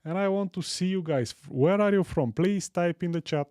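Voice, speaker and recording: A Bulgarian man in his forties hosting a live tech stream, enthusiastic and warm toward viewers, often repeating himself as he goes. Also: high voice, normal speed, smooth, dry recording, studio quality. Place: home studio room. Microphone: studio mic on boom arm.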